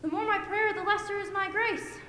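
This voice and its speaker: A woman's voice: very high voice, fairly even intonation, brisk, pushed and bright, a little hiss or hum. A teenage girl playing a scorned, lovesick young woman in a school stage play, pleading in earnest, heard from a distant mic in an echoey hall. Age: teens. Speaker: student actor. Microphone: distant room mic.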